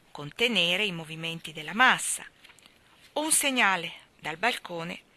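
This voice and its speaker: A woman reading aloud from a historical memoir with dramatic delivery, dropping to hushed near-whispers and rising to emphatic peaks. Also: lowish voice. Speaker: reader.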